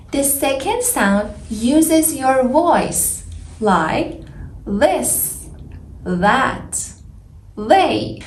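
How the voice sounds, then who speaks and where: A woman teaching English pronunciation in a scripted lesson, modeling speech in short, deliberate, exaggerated phrases. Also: high-pitched, echoey room, slight background noise.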